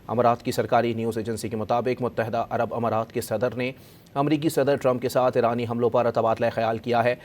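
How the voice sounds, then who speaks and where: A male news anchor with a Pakistani accent reads a breaking news bulletin in Urdu, repeating it formally with an insistent delivery. His voice is medium-pitched and darkish.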